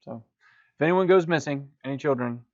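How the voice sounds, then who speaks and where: A man co-hosts a podcast, riffing sarcastically on a movie with rambling, jokey asides. His mid-range voice is darkish and moves a little fast. The recording is dull, lo-fi and dry, with no room sound.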